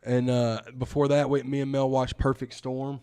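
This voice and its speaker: A man's voice: medium pitch, little pitch movement, normal speed, mellow, clean tone. Enthusiastic slangy young man, podcast co-host. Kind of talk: casual chat.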